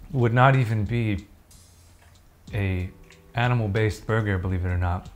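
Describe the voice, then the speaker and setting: Man, slightly low voice, easygoing food-review vlogger, talks while chewing. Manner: relaxed, chatty, eats while talking. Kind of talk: casual food taste-test vlog.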